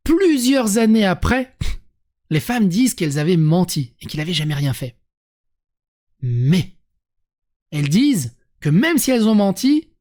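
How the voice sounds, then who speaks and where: A streamer with a French accent reading an article aloud to viewers, breaking off for lively, sarcastic asides and restarts. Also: medium pitch. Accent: French (France).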